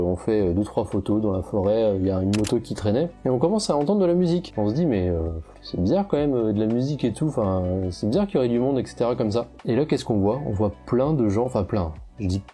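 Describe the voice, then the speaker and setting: Chatty French man with a dark voice. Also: mid-range voice. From France. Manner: chatty, many fillers and restarts. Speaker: travel photographer vlogger. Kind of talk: casual travel storytelling.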